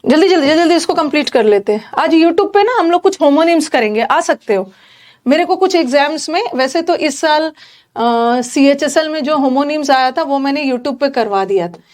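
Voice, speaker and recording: A woman's voice: high-pitched, animated, normal speed. A woman giving an exam-prep grammar lecture, explaining in a mix of Hindi and English and putting questions straight to her students.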